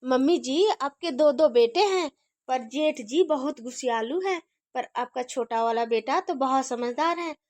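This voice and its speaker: A woman's voice: high voice, measured pace, darkish tone, dry recording. A woman voicing a chatty, earnest young daughter-in-law in a cartoon story.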